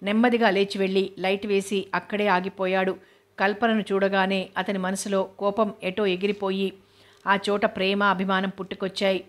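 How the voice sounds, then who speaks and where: Woman reader for a serialized novel, flat steady delivery, medium pitch. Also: moderate pace. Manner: steady, even narration. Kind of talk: reading a novel aloud.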